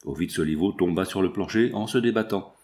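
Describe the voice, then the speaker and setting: A man narrating a nineteenth-century novel aloud in a measured, expressive reading. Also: sits low. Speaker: audiobook narrator. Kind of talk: scripted narration.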